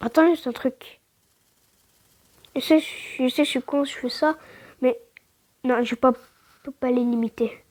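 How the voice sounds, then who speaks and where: A woman giving casual gameplay commentary, stammering and restarting words, with slangy, excitable outbursts. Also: high voice, a little slow, pauses often. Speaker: gaming channel host.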